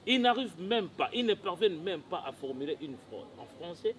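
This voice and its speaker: A man's voice: high-pitched, expressive, fairly quick, slight background noise. A man playing an indignant man who rants about two louts in a film. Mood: ranting. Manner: indignant, ranting. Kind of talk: Congolese film acting.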